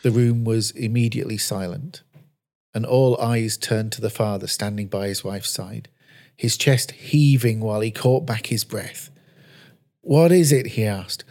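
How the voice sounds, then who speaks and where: A man preaching, telling a Bible-based story in a measured, earnest storytelling manner. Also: lowish voice, darkish tone. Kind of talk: scripted sermon narration.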